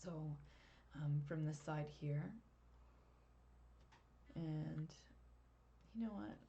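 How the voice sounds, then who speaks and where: A woman giving a live colored pencil drawing tutorial over a webcam, chatty and quick to laugh at herself. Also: low voice, gravelly, warm tone, highs cut off, a little hiss or hum. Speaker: art teacher.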